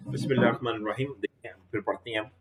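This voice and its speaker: A man's voice: on the low side, fairly even intonation, moderate pace, slight background noise. A man giving a law lecture, walking students through each step and repeating questions back to the class.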